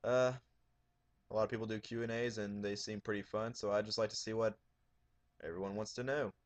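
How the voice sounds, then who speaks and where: Loud, profane male vlogger, casual delivery, slightly low pitch. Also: steady tone, brisk. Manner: raising his voice, loud and profane. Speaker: horror DVD collector showing his shelf. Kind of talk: casual video blog.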